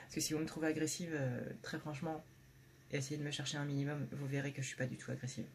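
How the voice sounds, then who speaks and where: A woman's voice: low-pitched, steady tone, fast talker, a little hiss or hum. A woman with a blunt manner, talking casually with many fillers and restarts as she gives a tarot reading for her channel. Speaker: tarot reader.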